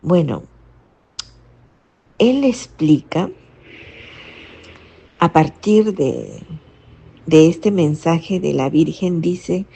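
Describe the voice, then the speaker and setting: A woman giving a reflective spiritual teaching, explaining gently and often adding rhetorical questions. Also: sits low, creaky, slightly rough. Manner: reflective, frequent rhetorical "¿no?" tags. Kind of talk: spoken catechesis talk.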